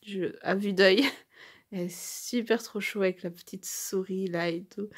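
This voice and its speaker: A woman talking casually through an unboxing on her channel. She gushes over each small item, with lots of fillers and restarts, and slows down to stumble through English phrases. Her voice sits at a middle pitch. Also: steady tone, slightly rough. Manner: gushing, hesitant, many fillers and restarts. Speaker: YouTuber unboxing a tarot deck.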